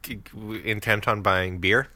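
A man co-hosting a podcast, telling stories in an excitable, casual way with some swearing. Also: fairly low pitch, measured pace, no room sound. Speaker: podcast co-host. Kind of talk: casual chat. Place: Canada.

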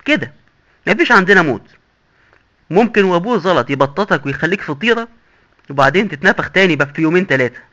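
A man's voice: high voice, lively intonation, quick pace, long pauses, bright, forceful tone. A man with an Egyptian accent voicing a boastful, sly male doctor in hell who lectures glibly and mockingly. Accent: Egyptian Arabic. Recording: dull lo-fi recording.

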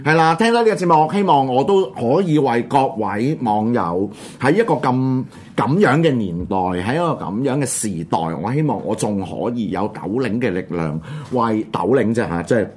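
A man with a Hong Kong Cantonese accent, hosting an online radio show and chatting casually about current events in a subdued, halting way. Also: mid-range voice, animated, a little mellow, husky. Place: studio.

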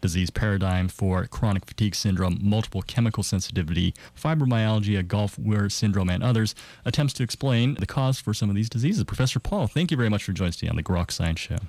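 A man's voice: fairly low pitch, quick pace, few pauses, darkish tone. A man hosting a science radio show, presenting topics and questions in a curious, engaged, explanatory way. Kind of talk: presenting science news and introducing a guest.

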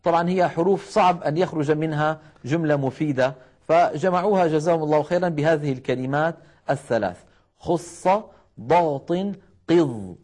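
A man's voice: a little high, quick pace, a little mellow. A man teaching Quran recitation in a television studio lesson, sounding out letter syllables again and again and urging viewers at home to try them.

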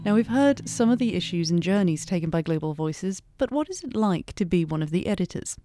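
This is a woman hosting a program and reading the links between segments. Her voice is low and mellow, and her delivery is smooth and measured. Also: animated, soft background music. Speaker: host.

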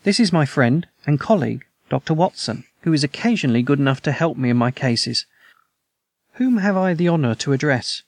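A coolly detached detective with a dry, clipped way of speaking, as a male reader voices him. He sounds languid and unhurried, in a slightly raised voice, recorded close and dry with no room sound. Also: on the high side, expressive, no echo.

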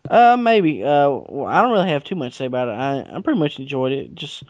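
A man's voice: on the high side, very animated, fast talker, dry recording, muffled recording. A man casually chatting about comics with a friend, rambling and joking with lots of fillers. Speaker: comic book podcast co-host. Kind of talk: casual chat.

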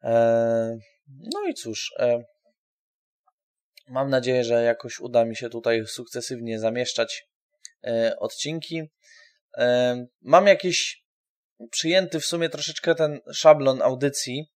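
A man hosting a podcast, speaking informally and haltingly with frequent pauses as he gives an introduction. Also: mid-range voice, fairly even intonation. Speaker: podcast host.

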